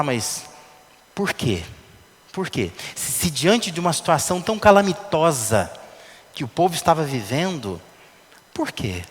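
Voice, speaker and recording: A man's voice: a little high, in a large hall. A man preaching a sermon, talking to his listeners in a conversational way and asking many rhetorical questions. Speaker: pastor.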